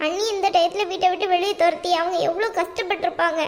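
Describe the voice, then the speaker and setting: A gentle young peacemaker from a cartoon family drama, voiced by a woman. Her voice is very high and light, and it is soothing and pleading by turns. She sounds anxious and caring. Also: steady tone, fast talker. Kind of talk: cartoon voice acting.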